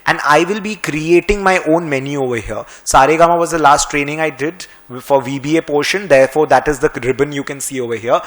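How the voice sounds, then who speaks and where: A man with an Indian English accent, a finance and Excel trainer talking through a screen-recorded software tutorial in a brisk, conversational way with a touch of sarcasm. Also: fairly high pitch.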